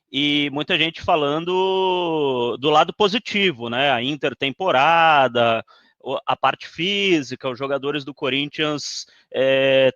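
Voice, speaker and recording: Bright-voiced radio sports reporter asking a question. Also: male voice, mid-range voice, dry recording, muffled recording. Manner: long-winded setup before the question. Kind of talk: asking a press conference question.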